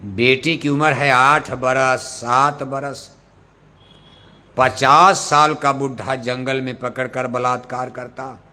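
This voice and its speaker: A man preaching a devotional sermon into a microphone, firing off rhetorical questions and leading the crowd in shouted call-and-response. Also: medium pitch, fairly even intonation, takes it slowly. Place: open gathering before a large audience.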